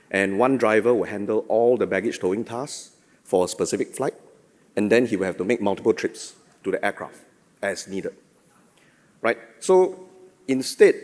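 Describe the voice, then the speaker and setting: A man's voice: fairly low pitch, darkish tone. A man giving a conference keynote as a chief executive, with a polished, formal corporate delivery, in an echoey hall. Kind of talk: prepared conference keynote presentation. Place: large indoor conference hall. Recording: echoey hall with long reverb.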